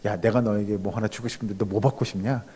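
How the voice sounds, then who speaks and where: A man voicing God who speaks plainly and casually to a believer, in a low, hushed tone. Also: steady tone, quick pace, breathy edge, long reverb tail. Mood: casual, coaxing.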